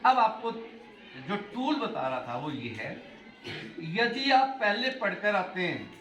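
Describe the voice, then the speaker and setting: A middle-aged man speaking as a motivational speaker to schoolchildren, animated and asking the class questions. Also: high-pitched, a little hiss or hum. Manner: animated, asks the class questions, mixes in English phrases. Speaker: motivational speaker addressing students. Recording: echoey hall, voice from a distance.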